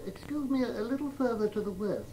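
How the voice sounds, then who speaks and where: Radio drama part: vague elderly professor, dotty, rapid speech. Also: male voice, extremely high pitch, animated, poor audio. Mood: dreamy. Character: vague, dotty older male professor talking in his sleep.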